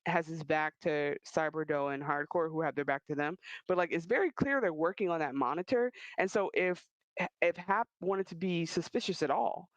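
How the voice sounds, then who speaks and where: A man co-hosting a podcast, talking in a casual, animated and rambling way with quick restarts. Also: a little high, no room sound, poor audio. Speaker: podcast co-host. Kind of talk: casual chat.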